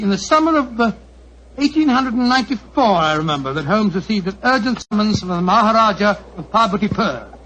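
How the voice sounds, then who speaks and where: Old English gentleman doctor, high voice, avuncular storyteller, 1940s radio drama, dull old recording. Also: slight background noise. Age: older. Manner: avuncular, chuckling, hesitant storyteller. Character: elderly, genial English doctor reminiscing about adventures.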